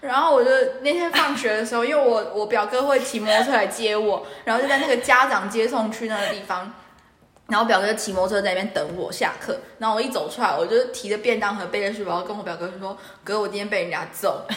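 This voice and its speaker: A young woman with a Taiwanese Mandarin accent, co-hosting a podcast and telling stories in an animated, laughing way. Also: medium pitch, quick pace. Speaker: podcast co-host. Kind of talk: casual chat and storytelling. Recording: echoey room.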